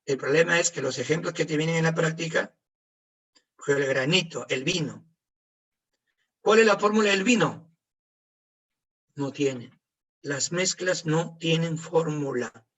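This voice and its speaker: A man teaches an online chemistry lesson, firing questions at his students and answering them himself with joking asides. His voice sits a little high and sounds husky. The call audio is distant, as if he is set back from his computer mic. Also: a little slow, long pauses, fairly bright tone. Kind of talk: online class lecture. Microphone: computer mic on a video call.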